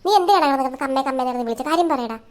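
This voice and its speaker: A high, quick, scolding mother, played by a child. She nags her family in long, complaining tirades. The bits are short, like a comic family sketch. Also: close to an everyday voice. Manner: sharp, nagging, complaining tirades. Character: irritable middle-aged mother, always scolding. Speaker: comedy sketch actor. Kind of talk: family comedy skit.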